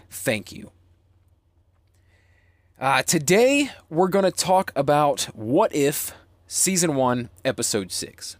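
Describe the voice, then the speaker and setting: Man, podcast host, rambling, self-deprecating, casual chat, mid-pitched voice, very dry sound. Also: dry recording.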